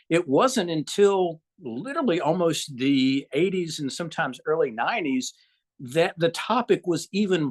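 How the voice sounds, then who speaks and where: A physician guest in his sixties, from the Southern United States and speaking with a Southern accent, answers interview questions in a measured, thoughtful manner, pausing frequently. His voice is fairly high in pitch.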